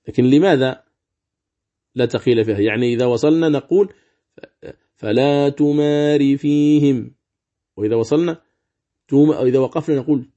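A man teaching Quran recitation rules, explaining calmly and chanting example words slowly. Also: mid-range voice. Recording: dull lo-fi recording.

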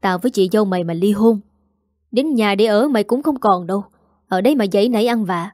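A frustrated young husband, talking back irritably and fast, as a woman reading a story voices him. The voice is mellow and dry. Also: mid-range voice, dry recording, lightly acted. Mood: defensive. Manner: defensive, irritable.

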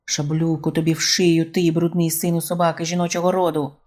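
Insulting, threatening rival fisherman, read by a woman; low and dark storybook read. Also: level tone, fairly quick. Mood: hostile. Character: hostile foreign rival fisherman man.

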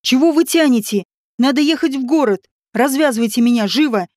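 A woman voicing an angry, impatient man who shouts and curses, reading from a storybook. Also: high-pitched, fairly quick, dry recording, studio quality, natural voice. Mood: furious.

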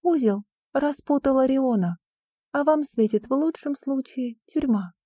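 A woman doing a stern school director, pitched high. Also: unhurried, mellow, slightly rough, dry recording, clean studio sound. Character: firm middle-aged female school director.

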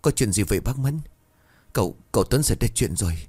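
A man's voice: on the low side, lively intonation, fast talker, darkish tone, husky, voice pushed up. A man voicing a frantic older male lumber-mill worker who talks in an urgent, breathless way. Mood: alarmed.

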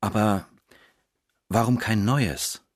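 A man's voice: lowish voice, takes it slowly. An actor in a radio drama playing an anxious man who wants to stay home and keep everyone near. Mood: probing.

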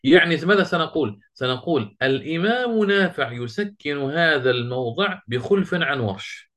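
A man teaching a Quran recitation lesson, quizzing his students and chanting the verses he quotes slowly. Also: a little high, animated, fairly bright tone.

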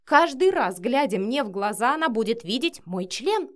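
A gruff, bossy man who growls his orders and swears when crossed, as a woman narrator voices him. He sits a touch above an everyday pitch, read in an audiobook. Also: big pitch swings, normal speed. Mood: indignant. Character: short-tempered domineering man, a boss. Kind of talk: audiobook character reading.

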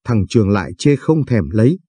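A man's voice: fairly low pitch, big pitch swings, brisk, mellow, husky, no echo. A man voicing a frail, dying old grandfather who speaks wearily and teases his granddaughter fondly. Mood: teasing. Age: older.

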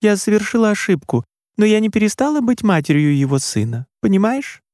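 Tearful mother in a high strained voice, a male reader doing her, dry close read. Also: big pitch swings, a little fast, a little mellow, no room sound. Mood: upset. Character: distraught sobbing mother, middle-aged woman.

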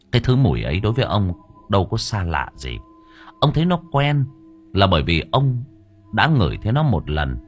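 A man narrating a horror story aloud with expressive, shifting delivery. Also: fairly low pitch. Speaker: audiobook narrator.

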